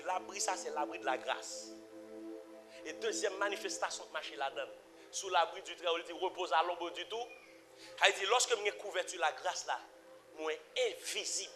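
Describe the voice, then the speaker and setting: A man with a Haitian accent preaching a sermon, repeating phrases and swinging from low murmurs to loud emphatic cries. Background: music.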